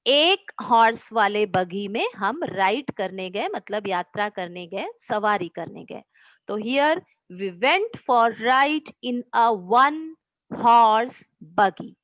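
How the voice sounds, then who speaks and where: Patient woman teacher, slow careful speech. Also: on the high side, expressive, a bit bright, dry recording, rough recording. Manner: slow, careful explanations mixing Hindi and English; encouraging, patient. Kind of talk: online English grammar lesson for children.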